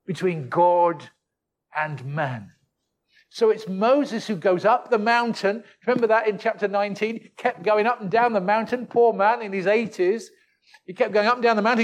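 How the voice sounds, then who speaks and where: A man delivers a sermon in a high voice at an unhurried, deliberate pace. He is earnest and keeps drawing the listeners in with rhetorical tag questions. He slows down and drops his voice to stress the words that matter. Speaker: preacher.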